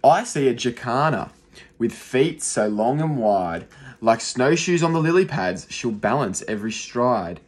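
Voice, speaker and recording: Seated in a small room with a phone recording up close, a young man who teaches young children reads them a rhyming picture book aloud. His medium-pitched voice moves a little slowly, with an expressive, rhythmic delivery.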